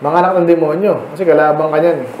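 A man's voice: on the high side, level tone, racing, dull audio. A man with a Filipino accent preaching a midweek Bible study sermon, chatting with the congregation and often asking them questions. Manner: conversational, mixing English into Tagalog, asking the congregation questions. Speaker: pastor. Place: church hall. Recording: echoey room with faint ambient noise.

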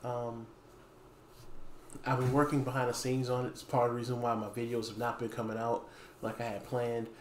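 In a dim, echoey room with a wooden floor and faint background noise, a thirty-something small game store owner and video host casually announces something to camera. His delivery is flat and medium-pitched, broken by frequent pauses mid-phrase.

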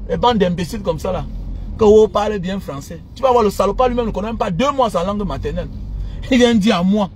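Filming himself on a phone held at arm's length in a noisy car with traffic outside, this social media commentator in his thirties delivers an impassioned, informal rant to his followers. His voice is high and he talks fast, with a Cameroonian French accent; an African mother tongue is his first language. His tone is animated, indignant and full of mockery.

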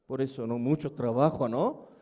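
A man whose first language is Korean, presenting a seminar in non-native Spanish, joking with the audience, chuckling often and checking in with quick questions. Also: medium pitch, warm tone. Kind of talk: live seminar talk to an audience. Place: hotel event hall.

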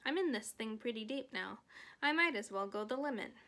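A woman voicing a kind, clever female barn spider in a storybook, gentle and coaxing. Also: a little high, animated, a little fast. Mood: kindly coaxing.

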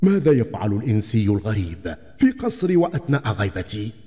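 A man's voice: on the low side, big pitch swings, normal speed, warm tone. A man voicing an angry male ifrit in a storybook tale, commanding and threatening. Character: furious towering male ifrit, jealous and cruel. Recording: long reverb, faint background music.

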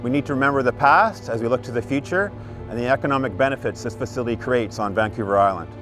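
Speaking quickly in a mid-range voice, a middle-aged utility spokesman delivers a project update. His talk is scripted narration and on-site presenting, set against background music.

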